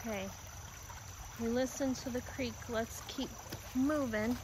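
A woman calmly narrating a walk through her woods, pausing often as she points out plants and animals. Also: fairly high pitch, background noise. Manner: calm, unhurried, pausing often. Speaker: homestead vlogger. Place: outdoors in woods by a creek. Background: faint insects and outdoor ambience.

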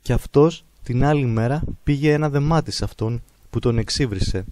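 A man calmly narrating a biography in a slow, measured, reverent reading. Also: mid-range voice, no echo. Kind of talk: calm biographical narration of a holy man's life.

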